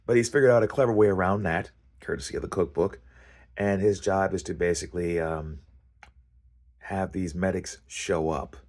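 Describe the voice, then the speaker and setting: Very deep-voiced man, casual rambling rant. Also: moderate pace, darkish tone. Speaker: fiction writer hosting a rant vlog.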